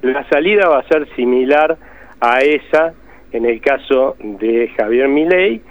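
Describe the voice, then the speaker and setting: A little slow and mid-range in pitch, an Argentine man speaks as an economist guest in an interview, explaining emphatically and restating things often. The sound is a tinny phone line.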